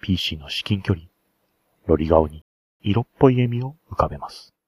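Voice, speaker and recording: A man's voice: low voice, lively intonation, brisk, husky. A man acting as game master, narrating a tabletop role-play scenario with chatty, enthusiastic side remarks.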